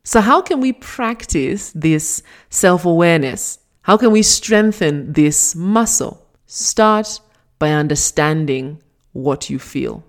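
A woman giving a scripted motivational talk, telling a fable in a deliberate, emphatic way. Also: low-pitched, lively intonation. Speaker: motivational speaker.

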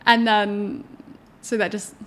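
A woman's voice: medium pitch, little pitch movement, slow pace, fairly bright tone. A woman hosting a relationship podcast, chatting in an upbeat, casual way. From Australia. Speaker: podcast host. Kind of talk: casual chat.

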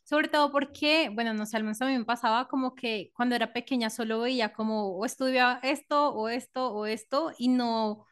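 Effusive woman podcast host, fairly high voice. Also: steady tone, fairly quick, hardly any pauses, fairly bright tone, smooth. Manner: enthusiastic, effusive. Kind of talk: casual podcast interview.

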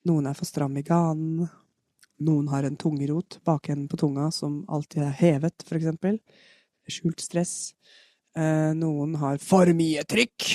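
A woman from Norway giving a chatty live podcast singing lesson, explaining technique and demonstrating vocal fry sounds. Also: sits low, dark tone, dry recording, studio quality. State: has a cold. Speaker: singing teacher. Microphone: podcast microphone.

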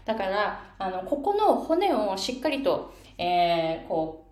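A woman's voice: medium pitch, sing-song, slow, a little mellow, echoey room. A woman pronunciation coach giving a casual spoken lesson and pointing to parts of her face as she explains.

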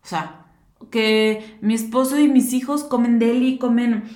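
A woman's voice: a little high, fairly even intonation, a little slow, a little mellow. Woman rambling on her podcast, lots of fillers, kinda echoey room. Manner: chatty, talks straight to listeners with many fillers. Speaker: podcast host. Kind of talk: casual monologue. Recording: roomy echo.

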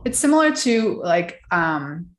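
A woman coach talks through her ideas in a relaxed podcast interview, thinking aloud with fillers and restarts. Her voice sits a little low. The room around her is echoey. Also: unhurried. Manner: chatty, reflective, many fillers and restarts. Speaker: wellness and mindset coach.

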